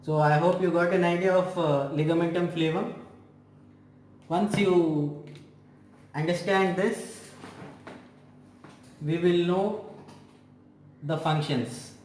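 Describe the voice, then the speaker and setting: A man with a fairly high voice lectures on anatomy, repeating himself and restarting phrases as he explains each point. His voice rings in an echoey room with a faint hum behind. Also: steady tone, darkish tone. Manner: slow, repetitive explaining with frequent restarts. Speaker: physiotherapy teacher.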